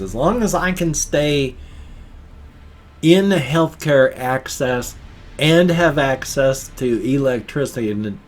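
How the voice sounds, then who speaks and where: An older man giving a casual personal monologue as a vlogger, halting and correcting his words, his speech slightly slurred by ill-fitting dentures. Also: medium pitch.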